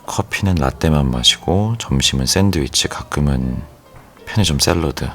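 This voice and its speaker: An actor playing a cool, composed young executive in a romance audio drama, a wry and possessive boyfriend who talks in a terse, understated, teasing way. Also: male voice, a bass voice, moderate pace, fairly bright tone, soft background music. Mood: softly teasing. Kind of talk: romance audio drama acting with inner monologue.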